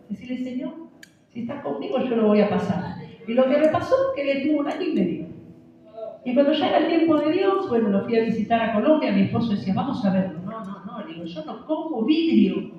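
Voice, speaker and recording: A middle-aged woman pastor from Argentina with a Rioplatense Spanish accent, preaching a sermon of personal testimony, swinging between hushed and loud. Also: fairly high pitch, lo-fi sound, a little hiss or hum. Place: church hall. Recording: echoey church hall from far off.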